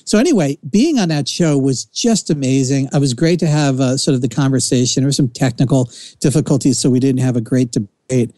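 A man's voice: mid-range voice, brisk, few pauses, dark tone, no echo. A man with a New Jersey accent hosting a casual talk show, giving rambling, opinionated takes. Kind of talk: casual chat.

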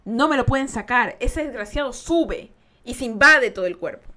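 A young woman with a somewhat high voice tells her own story in a loose, casual podcast manner. She talks with blunt emphasis and doesn't shy away from swearing. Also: expressive, normal speed, bright, forceful tone. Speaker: podcast host.

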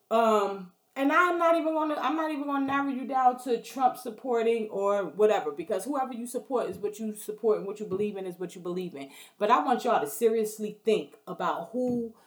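A woman telling a story in a blunt, profane, casual rant, often checking in with the listener. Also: mid-range voice. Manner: blunt, profane, keeps asking "you know what I mean". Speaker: vlogger. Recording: roomy echo.

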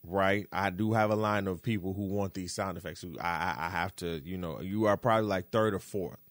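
A man's voice: low-pitched, fairly even intonation, brisk, no room sound, clean studio sound. A man hosting a music podcast in casual, hyped, slangy talk, effusive and repeating phrases for emphasis. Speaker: podcast host.

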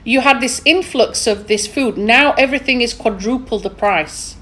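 This is a woman speaking with a thick Yorkshire accent in a relaxed, rambling chat. She talks in loose, looping sentences full of fillers and restarts, in a slightly higher voice. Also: normal speed. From England. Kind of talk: casual chat.

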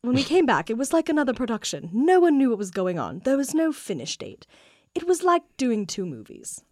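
A woman's voice: high-pitched, big pitch swings, fairly quick, darkish tone, dry recording, studio quality, voice pushed up. A woman voicing a male English actor in a put-on British accent, reading his interview quotes aloud. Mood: weary. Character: male English actor recalling a troubled shoot.

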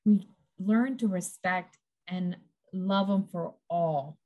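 A middle-aged woman talking as a guest in a casual conversation, telling lively stories and acting out quotes. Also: lowish voice, slow, highs cut off. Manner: lively storyteller, acts out quotes.

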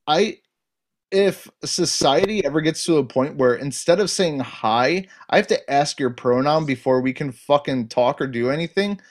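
Male podcast co-host with a slightly high voice; blunt, sweary, emphatic opinions in casual chat. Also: expressive, normal speed.

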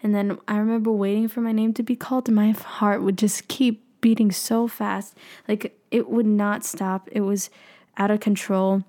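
Young woman talking with braces, soft mellow tone. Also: mid-range voice, little pitch movement, normal speed. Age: young adult. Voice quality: talking with freshly tightened braces. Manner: candid, self-reflective. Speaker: podcast host. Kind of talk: casual confessional solo podcast talk.

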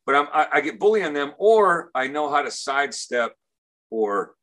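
Man, comedic storyteller, lively pitch, bright tone, restarts sentences. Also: normal speed. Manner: animated, repeats words while starting sentences. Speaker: comedian and recovery speaker. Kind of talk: casual conversational storytelling.

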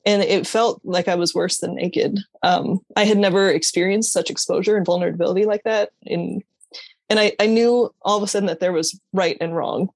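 A woman's voice: fairly low pitch, steady tone, moderate pace, no room sound. A woman telling her personal faith story as an interview guest, earnest and candid, stopping and restarting her sentences and laughing now and then. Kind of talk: personal faith testimony in conversation.

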